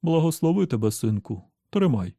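A man voicing a jovial, smooth-talking middle-aged bishop with a hearty, preacherly manner. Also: fairly high pitch, big pitch swings, moderate pace, dark tone, no echo, clean studio sound.

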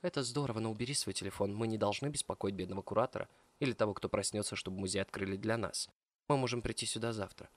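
A man voicing a hushed, soft-spoken young woman. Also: on the low side, fast, dry recording, close to an everyday voice. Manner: quiet, hushed, near whisper.

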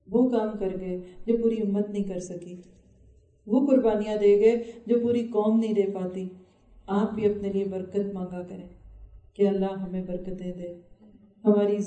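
A woman's voice: medium pitch, mellow, reverberant. A woman giving an earnest Quran commentary lecture, often asking her listeners questions. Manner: earnest, asks the audience questions. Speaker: Quran teacher.

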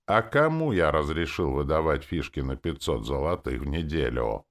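A man voicing a gruff male orc warrior who growls and swears in an audiobook. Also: extremely low pitch, expressive, normal speed. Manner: growling, coarse. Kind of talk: audiobook character reading.

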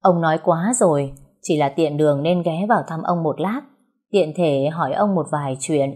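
A man's voice: fairly high pitch, moderate pace, a little mellow, slightly rough. A woman voicing a determined young man who speaks curtly and firmly. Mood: polite. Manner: firm, curt.

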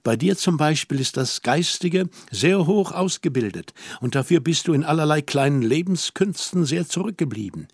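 A man reading the part of a worldly, teasing young woman in an audiobook, gentle and lightly mocking. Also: a little high, animated, moderate pace, hardly any pauses, slightly rough, no echo, clean studio sound.

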